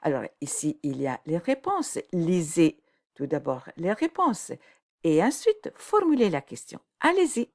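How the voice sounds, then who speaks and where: Slow, lively-voiced woman teaching French. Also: on the low side. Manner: patient, explains step by step with examples. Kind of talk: slow, clearly articulated grammar lesson.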